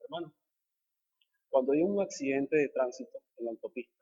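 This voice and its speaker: A man preaching a sermon as a pastor, rhetorical, moving from hushed asides to impassioned repeated refrains. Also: mid-range voice, animated, normal speed, slightly rough, dull audio. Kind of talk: expository sermon. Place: church sanctuary.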